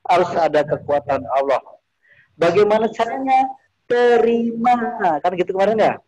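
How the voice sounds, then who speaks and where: A man's voice: sits high, normal speed, a little mellow, low-quality recording. Chatty man teaching a religious group. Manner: chatty, repeats "Bu" often, asks listeners questions. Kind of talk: informal religious talk to a group.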